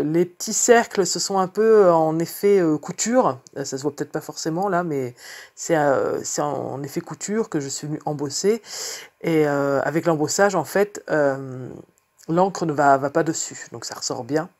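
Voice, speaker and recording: A woman with a low-pitched voice talks through her card-making in a relaxed vlog. She rambles in a chatty way, full of fillers and restarts. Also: moderate pace. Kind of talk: casual craft vlog chat.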